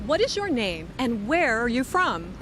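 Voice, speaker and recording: A woman playing a cheerful news reporter who interviews tourists outdoors, speaking clearly and slowly for an English lesson. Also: fairly high pitch, sing-song, noisy background. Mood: upbeat. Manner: clear, upbeat, slow teaching delivery. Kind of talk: scripted English lesson dialogue. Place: outdoors in a city. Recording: music bed under the voice.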